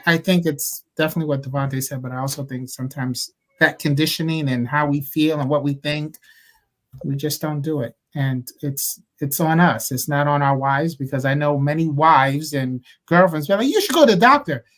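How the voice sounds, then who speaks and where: Animated man on a church panel. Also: a little high, brisk. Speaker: panel member.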